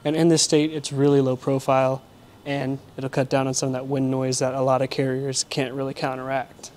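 Brisk and monotone, this man's medium-pitched, darkish voice belongs to a young installer in his twenties. He casually presents a kayak carrier installation demo, going step by step as he works around a vehicle in an indoor garage.

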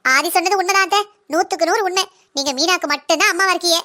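Doing cartoon drama voice acting, a woman plays a blunt young daughter-in-law. She delivers her defiant lectures in rapid-fire bursts with a very high, bright voice.

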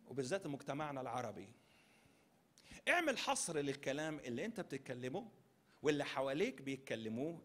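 A man's voice: on the high side, fairly bright tone. A male pastor with an Egyptian Arabic accent preaching a sermon at a church conference. He repeats key phrases for emphasis and asks the congregation rhetorical questions.

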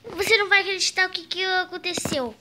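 A young man voicing Darwin, a gentle cartoon fish boy turned into a baby, speaking eagerly and explaining things in a Minecraft role-play. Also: very high voice, steady tone, fast, background noise.

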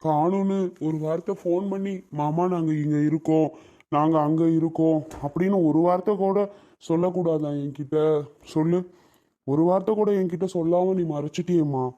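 Here is a man voicing an elderly grandfather in a family skit. His voice is mellow and dark. He reproaches and pleads with emotion. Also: fairly high pitch, steady tone, moderate pace, lo-fi sound, lightly acted. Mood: reproachful. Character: hurt elderly grandfather and father-in-law, reproachful.

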